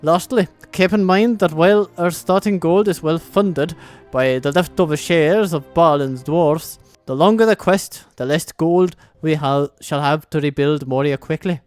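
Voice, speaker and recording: A proud dwarf herald with a put-on Scottish brogue, voiced by a man, reads the quest in a grand, old-fashioned tone. His pitch sits somewhat high, and faint music plays underneath. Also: measured pace, few pauses, smooth, lightly acted. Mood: solemn. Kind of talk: dramatic reading of game briefing text.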